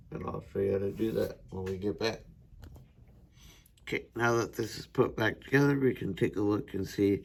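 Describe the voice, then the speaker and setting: An American man, a gunsmithing student, giving an unhurried instructional demonstration with frequent hesitations. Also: on the low side, creaky.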